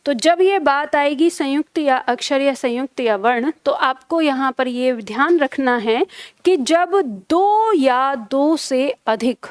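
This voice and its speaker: Young female teacher, high voice, dry close mic, patient and step by step. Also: no room sound. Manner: patient, repeats key terms slowly, checks "theek hai?". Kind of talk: live online grammar class.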